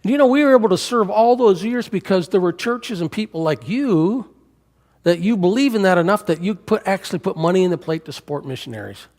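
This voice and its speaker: A man's voice: high-pitched, lively intonation, fairly quick, darkish tone. Folksy sixty-year-old man in a church. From United States. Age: 60s. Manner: folksy, joking, conversational. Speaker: missionary speaker. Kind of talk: church missions talk. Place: church sanctuary. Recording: hall reverb in a church.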